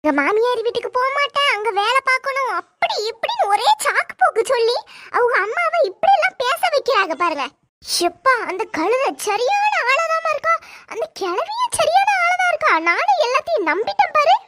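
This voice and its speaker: A woman with a Thoothukudi accent voicing a fiery, quick-tempered middle-aged mother-in-law in a cartoon. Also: very high voice, big pitch swings, very noisy. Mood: angry. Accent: Thoothukudi Tamil. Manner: shouting, scornful. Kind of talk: cartoon voice acting.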